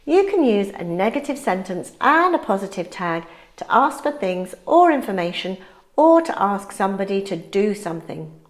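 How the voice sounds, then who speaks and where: A woman teaching an English grammar lesson in a slow, clear, deliberate way. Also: mid-range voice, big pitch swings.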